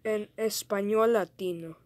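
A woman giving casual, excitable gameplay commentary, shrieking and laughing at in-game deaths and dropping English exclamations into her talk. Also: mid-range voice, slow, dry recording. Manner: code-switches with English exclamations. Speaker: gaming video creator.

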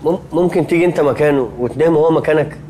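A man's voice: fairly high pitch, mellow, slight background noise, natural voice. An actor playing a jumpy Egyptian man. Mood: bickering, jittery. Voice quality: quick anxious protesting delivery. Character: jumpy nervous young man sharing a hospital room.

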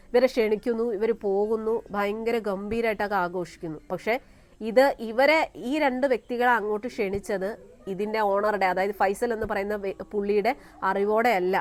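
Scornful woman vlogger. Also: medium pitch. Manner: scornful, rhetorical questions, frequent fillers. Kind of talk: opinion commentary vlog.

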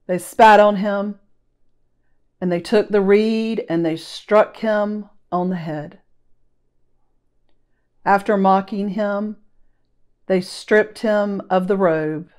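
A woman reading scripture aloud in a slow, deliberate, solemn way at a church service. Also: medium pitch, steady tone, a little mellow, clear, resonant tone. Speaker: scripture reader. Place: church sanctuary.

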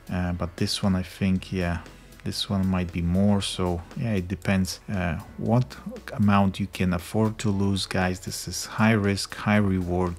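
A man walking viewers through a crypto app in a screen-recorded tutorial, explaining step by step with frequent fillers. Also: deep voice.

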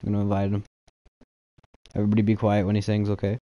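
A man's voice: lowish voice, monotone, quick pace, dry recording, dull audio. A man hosting a casual gaming stream, trading offhand, teasing banter with friends. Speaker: streamer and host.

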